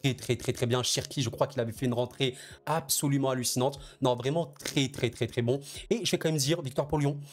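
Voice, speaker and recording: A man's voice: mid-range voice, steady tone, a little fast, faint music behind. A man with a French accent giving football predictions to his viewers in casual chat, piling up repeated words for emphasis. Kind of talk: casual spoken commentary to viewers.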